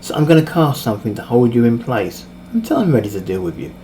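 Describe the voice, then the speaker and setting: A man's voice: mid-range voice, sing-song, quick pace, mellow, slight background noise. A man voicing a smug, overpowered male villain mage who taunts his victims with casual cruelty. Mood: gloating. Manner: mocking, cocksure, casually cruel.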